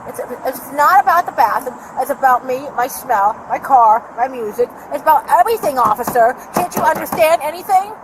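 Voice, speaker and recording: A woman living in her car argues with a deputy in a parking lot, agitated and rambling, shouting at times, recorded on a body camera. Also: high voice, animated, a little fast, few pauses. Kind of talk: heated street argument. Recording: noisy outdoor bodycam audio.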